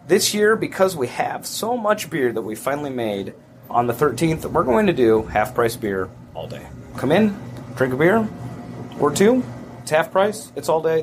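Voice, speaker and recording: Male brewer guest, average pitch, casual rambling chat, faint room noise. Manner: relaxed, rambling with restarts and enthusiasm.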